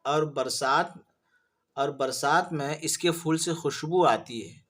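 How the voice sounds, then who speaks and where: A man's voice: a little high, fairly bright tone. A male Urdu teacher explaining vocabulary for an exam. He poses questions and then answers them himself. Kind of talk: vocabulary lesson for exam prep.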